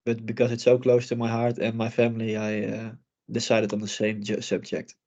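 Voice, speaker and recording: A man's voice: lowish voice, completely flat delivery, fairly quick, darkish tone, muffled recording. A male student speaking hesitantly, with fillers, in a video meeting.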